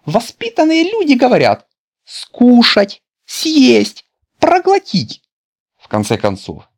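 A man's voice: very high-pitched, huge pitch swings, slow pace, a little mellow, voice pushed up, full character voice. A man doing a prim fairy-tale grandma. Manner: prim, correcting. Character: prim, fussy old grandmother.

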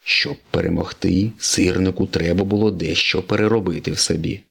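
A man's voice: low voice, steady tone, normal speed, creaky, fairly bright tone, husky. A man reading a children's storybook aloud, narrating expressively.

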